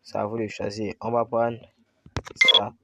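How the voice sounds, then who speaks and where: Male tutorial host, deep-ish even delivery, repetitive step-by-step explainer, noisy recording. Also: gravelly. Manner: slow step-by-step explaining, repeats himself. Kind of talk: screen-recorded game tutorial. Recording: loud background noise.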